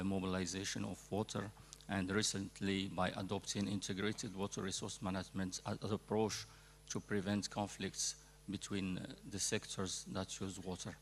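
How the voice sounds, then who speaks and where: A man gives a steady, formal self-introduction. His low voice is gravelly and fairly flat. A faint hum runs under the recording. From Morocco. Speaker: river basin director.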